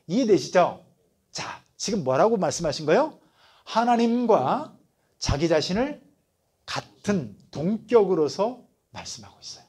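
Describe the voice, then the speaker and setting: A man with a high, husky voice teaches a Bible study as a pastor. His pitch rises and falls all over the place, and he talks conversationally, constantly checking in with his listeners through questions. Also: big pitch swings, unhurried, a little mellow.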